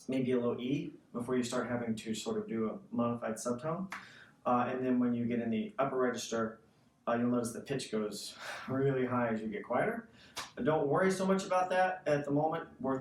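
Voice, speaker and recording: A man's mid-pitched voice comes from a little way off in a roomy space, with faint noise. He explains a practice exercise like a music teacher, in a casual, conversational way, checking in as he goes. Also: distant mic. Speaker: woodwind instrument teacher.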